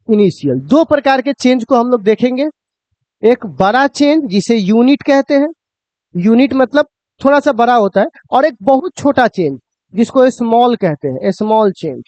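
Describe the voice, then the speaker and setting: A man's voice: very high voice, a little mellow, no echo, dull audio. A man teaching physics to students, asking questions and answering them himself. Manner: addresses students fondly, asks and answers his own questions. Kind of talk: classroom lecture to students.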